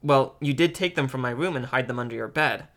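A man's voice: mid-range voice, a little fast, fairly bright tone, lightly acted. A man voicing a sarcastic, exasperated teenage boy, an older brother, close to his own reading voice.

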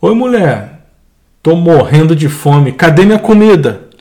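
A man with a Brazilian accent playing a husband in a short skit, first rude and demanding about dinner, then gentle and helpful. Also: a little high, sing-song, unhurried. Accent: Brazilian Portuguese. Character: rude hungry husband, then a kind one.

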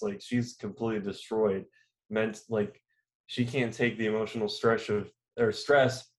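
A man co-hosting a podcast, talking casually in long rambling turns with many fillers and restarts. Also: fairly low pitch. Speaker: podcast co-host. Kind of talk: casual chat.

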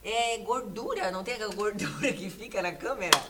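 A woman speaking as a podcast guest in casual chat, animated, acting out quoted dialogue as she tells stories. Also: mid-range voice, fairly quick, far from the mic, heavy background noise.

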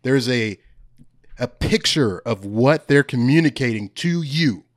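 A man's voice: mid-range voice, expressive, unhurried. A man hosting a casual commentary chat, slangy and repeating phrases for emphasis. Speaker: host.

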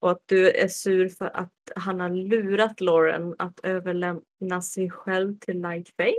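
A woman with a somewhat low voice tells a story in relaxed, casual chat. She recaps events with animated storytelling and keeps slipping into acted-out quoted lines. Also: dry recording. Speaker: podcast co-host recapping episodes.

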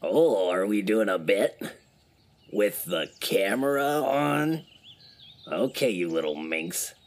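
A man's voice: fairly low pitch, expressive, takes it slowly. A man playing an exasperated guy stuck in a silly commercial, dry and swearing.

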